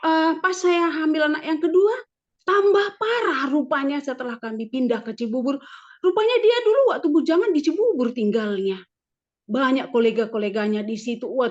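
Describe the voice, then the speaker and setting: A woman in her fifties, a religion teacher, telling her personal testimony at church in an animated storytelling manner. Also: high-pitched. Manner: animated storytelling, acting out her own prayers and arguments. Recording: dull lo-fi recording.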